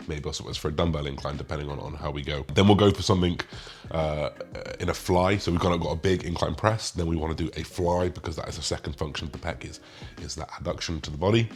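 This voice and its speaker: A man's voice: a bass voice, fast. A man with a slight lisp and slushy s sounds, hosting a video and explaining things casually to his viewers. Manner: lisp with slushy s sounds from new dental retainers. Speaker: host, men's physique bodybuilder.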